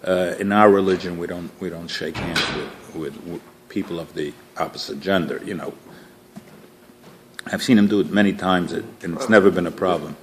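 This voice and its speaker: Low-voiced man teaching an informal class. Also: moderate pace, noisy background. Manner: conversational storyteller, frequent restarts and fillers. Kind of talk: informal religious class talk.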